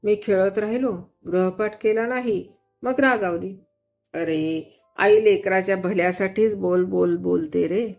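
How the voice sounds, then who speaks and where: A woman storyteller reads a tale with lively expression. She changes pitch and loudness for each character, and a soft guitar plays faintly behind her voice. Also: a little slow, creaky. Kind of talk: Marathi story reading.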